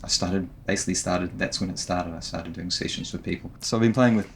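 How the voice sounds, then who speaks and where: Gravelly low New Zealand man. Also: quick pace, slight background noise. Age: middle-aged. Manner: relaxed, self-deprecating, laughs often, many restarts. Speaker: guest guitarist. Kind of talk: casual interview chat.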